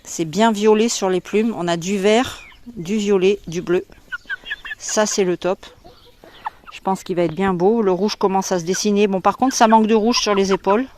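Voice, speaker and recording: A woman's voice: medium pitch, fairly even intonation, normal speed, darkish tone, slight background noise. A French woman, a poultry breeder, talking casually into her handheld phone as she walks around outdoors and explains things. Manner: chatty, explanatory, with many fillers. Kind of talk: casual walk-through video. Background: hens clucking.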